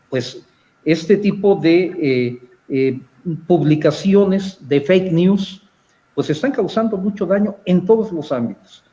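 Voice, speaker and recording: A man with a Mexican accent speaking as a panelist in a political discussion, measured and analytical, often pausing on hesitant fillers. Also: on the high side, warm tone, muffled recording.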